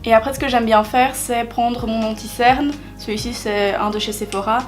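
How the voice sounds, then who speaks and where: Chatty young woman with a bright voice. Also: fairly high pitch, steady tone, normal speed, faint music behind. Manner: chatty, full of filler hesitations, self-deprecating. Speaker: beauty vlogger. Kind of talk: makeup tutorial narration.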